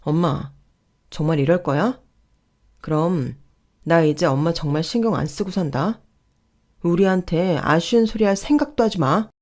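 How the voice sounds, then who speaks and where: A woman's voice: fairly low pitch, normal speed, long pauses, a little mellow, natural voice. Woman playing a firm exasperated son. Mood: pleading. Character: frustrated adult son, firm and pleading.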